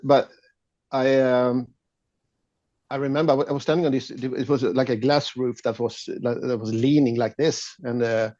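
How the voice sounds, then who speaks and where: Gravelly Swedish-accented man, lo-fi audio. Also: mid-range voice, mellow, dry recording. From Sweden. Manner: hesitant, many fillers and restarts, laughs often. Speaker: guest photographer. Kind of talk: casual interview chat.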